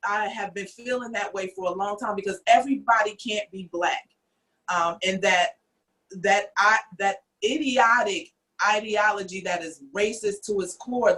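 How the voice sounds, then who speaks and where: An American woman hosts a casual podcast discussion, sharing her opinions earnestly and emphatically. Her voice is medium-pitched with a sharp tone, and the recording quality is low.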